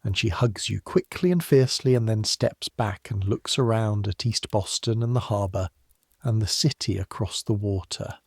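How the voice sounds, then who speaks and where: Low gravelly guy reading a sleepy history story, slow and calm, dry close sound. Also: no room sound. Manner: measured, unhurried, softly grave. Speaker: narrator. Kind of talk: calm second-person history narration for sleep.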